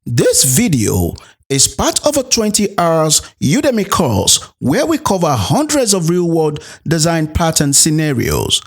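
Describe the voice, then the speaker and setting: A man narrates a programming tutorial as an instructor, walking through code and explaining each step. His voice is fairly high-pitched and husky, with huge pitch swings and an unhurried pace.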